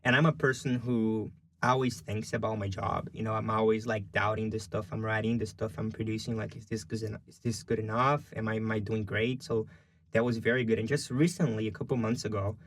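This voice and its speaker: Here the young man from Brazil talks fairly quickly in a lowish, flat voice, with no echo. A journalism student with a Brazilian Portuguese accent, he chats casually through interview answers, peppered with "you know" and "like."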